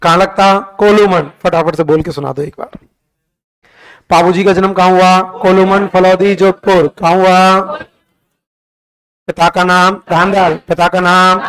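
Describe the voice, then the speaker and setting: A male teacher, lecturing a class and drilling students with quick repeated questions. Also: high voice, a bit bright, slight background noise, rough recording. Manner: brisk, quizzing students with rapid repeated questions.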